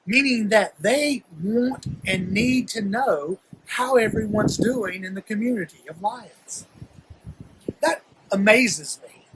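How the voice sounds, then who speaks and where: A man's voice: sits high, background noise. A man with a Southern accent giving an earnest, reflective sermon as a guest minister, speaking to a camera. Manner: earnest, reflective, building to emphatic calls.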